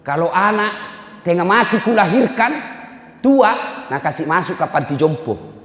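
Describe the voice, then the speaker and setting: A man's voice: high-pitched, expressive, normal speed, a bit bright, voice pushed up. A man voicing a childless, dog-owning adult who bluntly explains his choice. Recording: echoey hall.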